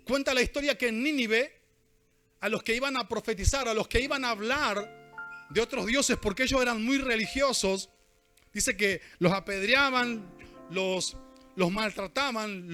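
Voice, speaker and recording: An Argentine man preaching a sermon in a notably high voice. He is animated and keeps throwing questions out to the congregation. Soft music plays faintly underneath. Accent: Argentine Rioplatense Spanish.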